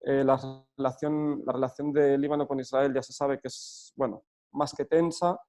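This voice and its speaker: A man from Spain, a football coach answering interview questions earnestly, pausing often with fillers. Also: mid-range voice, steady tone, mellow. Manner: earnest, hesitant with frequent fillers and restarts.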